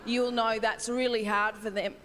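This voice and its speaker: An Australian woman in her thirties performing stand-up comedy on stage, telling brisk family stories. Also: on the high side, level tone, fairly bright tone. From Wagga Wagga, Australia. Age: 30s. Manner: brisk, storytelling, mimics relatives. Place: comedy stage in a large hall. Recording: live hall with long reverb, faint noise.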